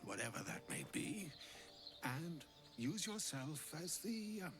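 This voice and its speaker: Slow, solemn old wizard. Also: male voice, a little high, big pitch swings. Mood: solemn, weighty. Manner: solemn, theatrical, archaic phrasing. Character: grave, ornate-tongued old male wizard bearing a divine charge. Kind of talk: fantasy game voice acting. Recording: music bed under the voice.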